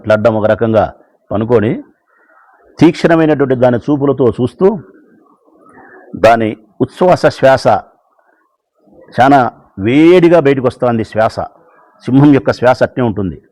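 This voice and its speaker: A man tells an animal fable in a slow, dramatic storytelling speech. He repeats phrases for weight, and his voice sits mid-range. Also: mid-range voice, darkish tone, poor audio. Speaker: speaker telling a fable.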